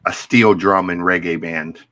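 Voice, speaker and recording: Podcast host guy, laid back storytelling, lowish voice. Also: measured pace. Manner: anecdotal, relaxed storytelling. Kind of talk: casual podcast chat.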